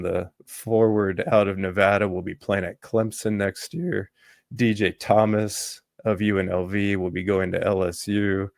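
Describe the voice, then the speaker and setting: A man hosting a sports podcast in casual talk, his voice worn from allergies, halting with many ums and restarts. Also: sits low, vocal fry, no room sound. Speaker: podcast host.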